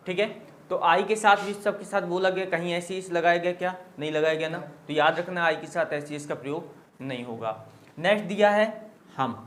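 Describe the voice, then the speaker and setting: Male grammar teacher, measured classroom drill delivery, slightly high voice, noisy crowd in background. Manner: slow, repetitive drilling of example sentences. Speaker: English teacher. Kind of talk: Hindi-medium grammar lesson.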